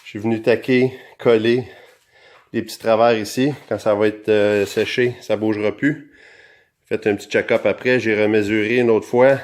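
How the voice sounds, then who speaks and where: A DIY show host with a Québécois accent and an electronically altered voice chats casually through a how-to demonstration, addressing viewers directly. His voice is on the low side, with a steady tone and normal speed.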